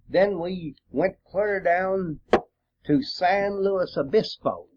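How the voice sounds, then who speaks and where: Speaking slowly in a slightly high voice, a rural American man aged 80 or more rambles through folksy war memories, often pausing to clear his throat. It's an informal oral-history reminiscence from a veteran, captured on a dull, lo-fi home recording.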